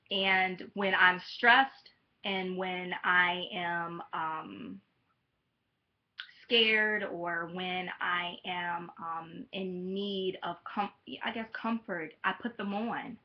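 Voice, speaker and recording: Candid rambling woman vlogger, slightly dull sound. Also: fairly low pitch. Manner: candid, rambling, drifts into tangents; soft-spoken and hesitant with frequent ums. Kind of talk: personal vlog talk to camera.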